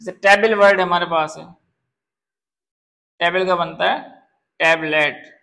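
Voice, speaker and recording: A man's voice: sits high, steady tone, measured pace, gravelly, pushed and bright. A male English grammar teacher from Pakistan giving a patient classroom lesson, calling students "beta" and often checking that they understand. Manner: calls students "beta", explains with word examples.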